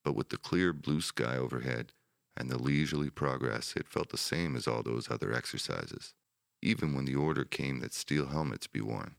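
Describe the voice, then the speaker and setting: Very deep, gravelly male narrator. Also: moderate pace, no echo, clean studio sound. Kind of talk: audiobook narration of wartime history.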